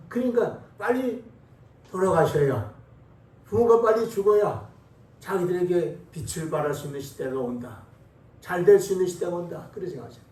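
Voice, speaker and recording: Recorded from far off in an echoey church sanctuary, a pastor in his eighties delivers a sermon at an unhurried, conversational pace with pauses and fillers. His voice sits high and is a little mellow.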